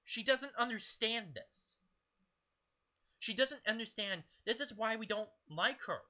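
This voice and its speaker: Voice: medium pitch, a little slow, pushed and bright, lo-fi sound. A young adult political vlogger who reads passages from a book aloud and comments on them in an opinionated, emphatic way, often stumbling over words.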